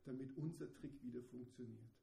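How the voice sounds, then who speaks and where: A man preaching a sermon, dropping into quiet asides and rising to emphatic points. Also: medium pitch, fairly quick, creaky, slight background noise. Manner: swings between hushed asides and emphatic raised passages. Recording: echoey room.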